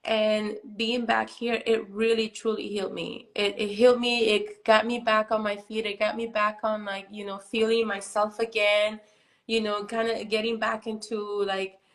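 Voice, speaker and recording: A woman's voice: mid-range voice, level tone, normal speed. A woman in her forties from Mexico, hosting a live video chat in a casual, rambling way, filling her talk with "you know" and "like". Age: 40s. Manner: chatty, many fillers like "you know" and "like". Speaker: live stream host.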